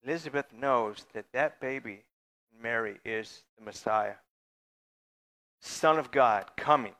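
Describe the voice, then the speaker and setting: Bright-voiced man preaching a sermon. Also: mid-range voice, takes it slowly. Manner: conversational preaching, sometimes joking with the congregation. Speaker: pastor.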